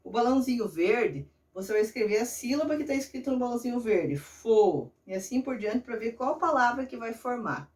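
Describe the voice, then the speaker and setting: A woman's voice: a little high, expressive, a little fast, hardly any pauses, a little mellow, far from the mic. A woman primary school teacher with a Brazilian Portuguese accent, patiently guiding children step by step through workbook exercises. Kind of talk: remote lesson walkthrough of a workbook.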